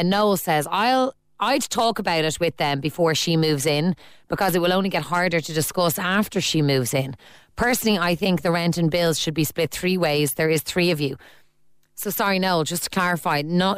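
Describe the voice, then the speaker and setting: Low-voiced woman radio host. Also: clean tone, no room sound, studio quality. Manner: chatty, reads listener messages aloud. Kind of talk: casual radio phone-in chat. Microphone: studio microphone.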